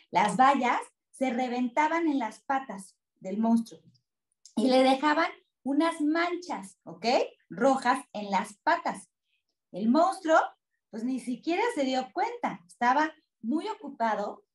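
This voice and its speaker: A Mexican woman reads a picture book aloud to children, expressive and often turning to ask them questions. Her voice is high for a woman and her pace unhurried. An echoey room surrounds her. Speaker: children's storyteller.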